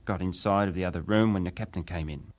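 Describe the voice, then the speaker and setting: A male actor speaks fast as a young British wireless operator, testifying formally, deferentially, and precisely as though in a dramatized hearing. His voice sits low, a little mellow and close to an everyday voice, and the mood stays precise and factual.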